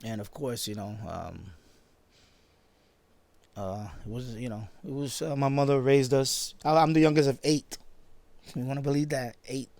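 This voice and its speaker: His pitch sits in the middle, at a normal speed, with a gravelly, darkish tone and frequent pauses. He's a fifty-year-old live streamer and shortwave fan who was born in Puerto Rico, grew up in the Bronx and has a New York accent. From his basement at home, he chats casually, rambling and often repeating phrases.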